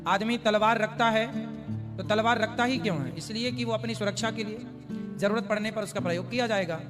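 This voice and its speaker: Brief: patient male spiritual teacher, fairly high voice, long hall reverb, music underneath. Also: fairly quick. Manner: calm, patient, explains with everyday examples. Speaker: spiritual teacher answering devotees. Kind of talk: religious question-and-answer discourse.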